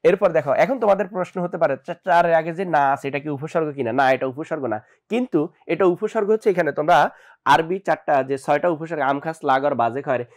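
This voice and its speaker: Bangladeshi male tutor, slightly high voice. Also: brisk. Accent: Bangladeshi Bengali. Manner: explains step by step, often asks the students rhetorical check questions. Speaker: admission coaching teacher. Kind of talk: exam question walkthrough lesson.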